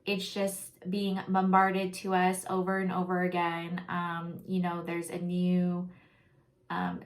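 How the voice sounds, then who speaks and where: Rambling woman sharing a dream. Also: mid-range voice. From Canada. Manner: rambling, many ums and likes. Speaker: spiritual vlogger. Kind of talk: casual spiritual talk.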